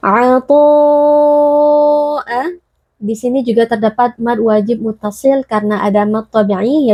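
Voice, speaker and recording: A woman teaching Quran recitation rules, explaining calmly and chanting each word slowly. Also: a little high, no echo. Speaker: tajwid teacher.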